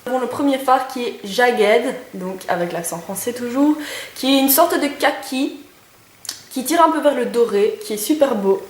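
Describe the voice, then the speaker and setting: A woman's voice: high-pitched, animated, moderate pace. A young woman reviewing makeup in a casual, chatty way, with many hesitations and lots of enthusiastic praise. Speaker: beauty vlogger. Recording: echoey room with faint noise.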